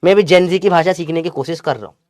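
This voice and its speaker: A man's voice: a little high, fast talker, no room sound, studio quality. A young man teaching physics in a chatty, teasing lecture. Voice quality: chatty, teasing, calls students beta. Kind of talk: classroom lecture with Gen Z slang.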